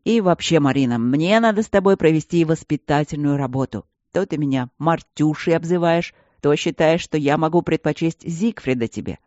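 A man's voice: fairly high pitch, moderate pace, few pauses, darkish tone, no echo, highs cut off, natural voice. A reader voicing a man nearly eighty, a cocky, jesting baron who teases a young woman playfully. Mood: teasing. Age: older. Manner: teasing, playful, boastful.

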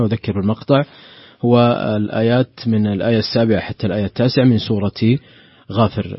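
A man hosting a radio program, announcing formally and briskly. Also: fairly low pitch, slightly rough, dry recording. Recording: lo-fi radio broadcast.

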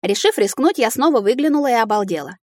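A woman narrating a first-person comic fantasy audiobook in a lively, ironic way. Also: fairly high pitch, fast talker, no room sound, clean studio sound.

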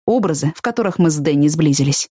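A woman narrating a novel in the first person, expressive and animated in the dialogue. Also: deep voice, quick pace, slightly rough, no room sound, studio quality. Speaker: audiobook narrator.

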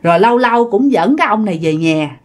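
A woman's voice: mid-range voice, animated, fast. A woman telling a ghost story in a casual, chatty way, talking straight to her listeners.

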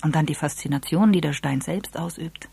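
A reader doing a quiet, refined lady. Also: medium pitch, moderate pace, gravelly, slightly rough, dry recording. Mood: admiring. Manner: quiet and admiring. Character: soft-spoken refined woman.

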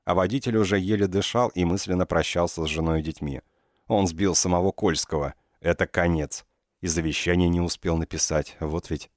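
A man narrating an audiobook in a measured, ironic storytelling manner. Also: deep voice, fairly even intonation, darkish tone, no echo, clean studio sound. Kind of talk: scripted narration.

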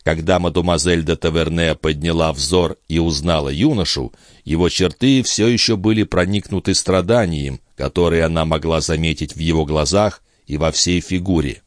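A man narrating a classic novel as an audiobook, in a measured, expressive manner. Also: very deep voice, no echo, clean studio sound. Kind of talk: scripted literary narration.

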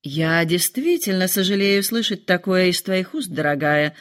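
A woman voicing a calm, quietly amused middle-aged father who teases his family in a dry tone. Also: lowish voice, moderate pace. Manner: dry, calm, lightly mocking.

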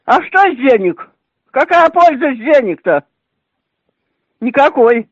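Older woman, very high husky voice, puzzled and polite, muffled dry phone line. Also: sing-song, unhurried, dry recording. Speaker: call recipient. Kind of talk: phone conversation.

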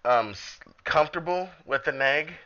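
Casting note: male podcast host, tense bright voice, dull remote-call audio, loose rambling delivery. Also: fairly high pitch, animated, moderate pace. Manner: rambling, many fillers and restarts. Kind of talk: casual podcast chat. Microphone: headphones on a remote call.

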